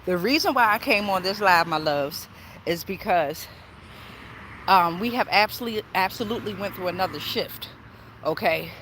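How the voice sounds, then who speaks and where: Out on a walk near traffic, a woman who reads tarot spiritually livestreams from her phone, informal and repetitive, often checking in with followers. Her voice is on the low side, animated and a bit bright, at a moderate pace, with outdoor street and traffic noise behind her.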